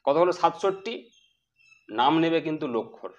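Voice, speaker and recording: A man's voice: fairly high pitch, animated, normal speed, muffled recording. A man teaching basic math who keeps asking the class questions and answering them himself. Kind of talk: explaining math to students.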